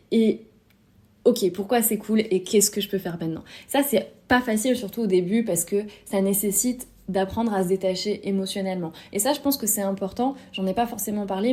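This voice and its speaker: A young woman hosts a solo podcast, speaking casually and directly to one listener. Her voice sits at a middle pitch with a mellow, dark tone. She drops in the odd self-deprecating aside. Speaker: podcast host. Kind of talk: solo podcast advice talk.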